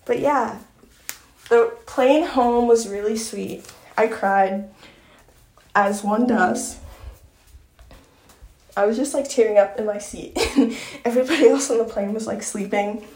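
A woman's voice: a little high, slow, pauses often, darkish tone. A young woman from Long Island talking in a casual, rambling vlog chat full of fillers. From Long Island, New York. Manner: chatty, rambling, lots of fillers. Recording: echoey room.

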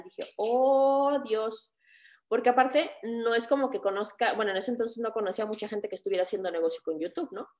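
Mexican woman telling lively anecdotes. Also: on the high side. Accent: Mexican Spanish. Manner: lively, self-mocking anecdotes. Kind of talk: casual storytelling. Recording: echoey room.

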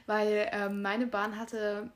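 A young woman in casual chat, retelling events in a lively, animated way. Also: medium pitch, takes it slowly. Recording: echoey room.

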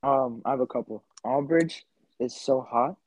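A man's voice: medium pitch, moderate pace, darkish tone, slightly rough, no echo. A young man as a podcast guest, telling stories in a laid-back way with lots of fillers. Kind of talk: casual interview. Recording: dull lo-fi mic.

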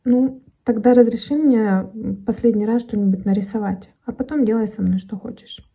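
Woman doing a begging little pencil, high pleading tone, dark husky voice, storybook reading. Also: fairly even intonation, normal speed, muffled recording. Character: pleading wooden pencil, small and frightened.

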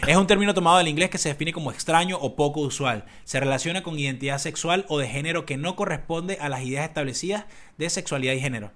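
A man's voice: a little high, a bit bright. A man with a Venezuelan Spanish accent, co-hosting a podcast in casual, rambling, slang-filled chat. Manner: rambling, slangy, reads aloud haltingly. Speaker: podcast co-host.

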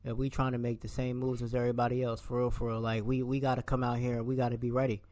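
A man's voice: medium pitch, completely flat delivery, fast talker, darkish tone, no echo. A man co-hosting a casual sports podcast, ranting animatedly and calling players and coaches out. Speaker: podcast co-host.

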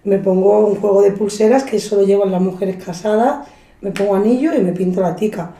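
A woman from tells travel stories in a casual chat, slipping into the voices of the people she quotes and swearing freely. Her voice is mellow and warm, and the echoey room adds a roomy ring to it. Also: medium pitch, fairly quick. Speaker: podcast guest. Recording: roomy echo.

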